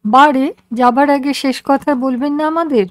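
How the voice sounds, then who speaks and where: A woman's voice: high-pitched, steady tone, unhurried, no echo, clean studio sound. Woman voicing a coaxing female colleague.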